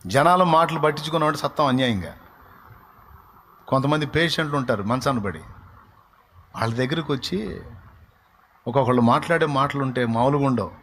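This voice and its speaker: A man's voice: a little fast, long pauses, a little hiss or hum. A man preaching a sermon, telling stories dramatically and acting out the voices of the people in them. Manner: dramatic storytelling, acting out villagers and David in colloquial voices; swings between loud exclamations and low asides. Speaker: pastor.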